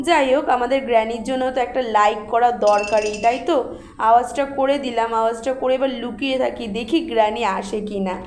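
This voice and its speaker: A woman hosting a gaming channel, giving excitable, casual commentary on her gameplay and chatting to her viewers. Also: fairly high pitch, reverberant, a little hiss or hum. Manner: excitable, quick exclamations and talking to viewers.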